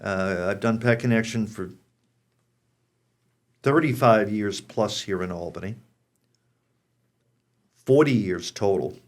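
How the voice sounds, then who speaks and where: A man's voice: lowish voice, slow, long pauses. An American man in his sixties hosting a pet show, speaking conversationally and addressing the audience directly. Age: 60s. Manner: frank, direct address to viewers.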